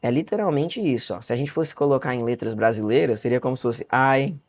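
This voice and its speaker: A Brazilian man with a Brazilian Portuguese accent, teaching a beginner lesson online in a chatty, encouraging way and repeating words slowly for practice. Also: medium pitch. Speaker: English teacher. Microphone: webcam or camera facing him.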